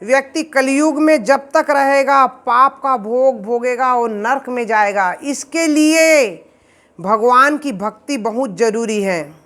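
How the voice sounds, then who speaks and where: A man telling a devotional scripture story, slow, emotive and preachy. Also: extremely high pitch, fairly bright tone. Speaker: religious storyteller.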